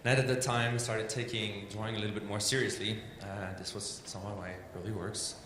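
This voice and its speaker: Speaking English with a Danish accent, a man from Denmark gives a loose, chatty, self-deprecating talk, his sentences full of "like" and "um." His voice sits low and moves briskly, trailing a long reverb as though he's in a big hall. A constant hiss runs underneath.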